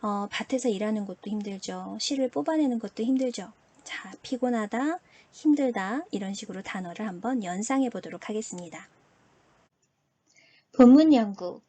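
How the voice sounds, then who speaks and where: A woman's voice: medium pitch, a little mellow, dry recording. Patient woman teaching Chinese. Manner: patient explaining, models pronunciation slowly. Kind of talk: recorded online lesson.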